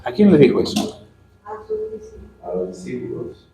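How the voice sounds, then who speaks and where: A man's voice: mid-range voice, big pitch swings, unhurried, heavy background noise. A man teaching a Bible class in a conversational way, using fillers and tag questions and acting out quoted speech in a raised voice. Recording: echoey room.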